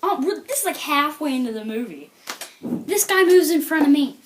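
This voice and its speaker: A woman's voice: sits high, animated, moderate pace, slight background noise. A woman telling a rambling stand-up comedy story, full of filler words like "like" and "you know".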